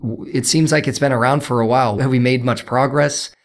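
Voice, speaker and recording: A man co-hosting a podcast in casual conversation, with a low, gravelly, hoarse voice that sounds worn out. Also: fairly even intonation, fairly quick. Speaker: podcast co-host.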